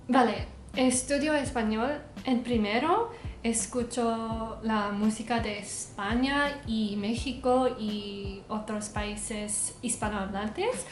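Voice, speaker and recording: Young woman speaking haltingly, English-accented when in Spanish. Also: a little high. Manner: halting, searching for words in Spanish. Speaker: language-learning vlogger. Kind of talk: casual vlog chat. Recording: echoey room, faint background noise.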